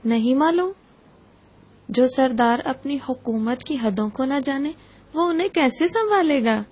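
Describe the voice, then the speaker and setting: An actress dubbing a sharp-minded woman in a film drama, speaking in a questioning, earnest way. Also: sits high, slightly rough.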